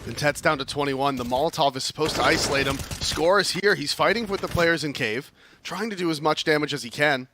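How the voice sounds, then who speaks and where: A man's voice: on the high side, fairly quick, background noise. A man casting esports live, explaining tactics and building suspense around each play. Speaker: esports caster.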